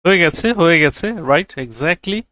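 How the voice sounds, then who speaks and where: Speaking a little loudly at a moderate pace, this male English teacher sounds bright, forceful and expressive, his pitch slightly high. He drills grammar by repeating key phrases and keeps testing comprehension with rhetorical questions. The audio is dry and close-miked, with no reverb.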